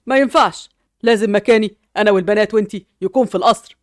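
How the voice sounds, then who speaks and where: A woman's voice: mid-range voice, racing, dry recording, studio quality, close to an everyday voice. A woman with an Egyptian accent playing a man, a proud father just elected head of the city, who speaks in a firm, self-satisfied way.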